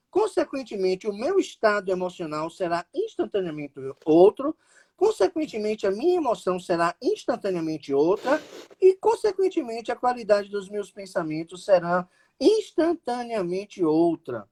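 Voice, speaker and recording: A man's voice: sits high, a little mellow, breathy edge. A man adding to a talk, building his point in linked steps. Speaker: co-presenter. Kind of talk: explanatory talk.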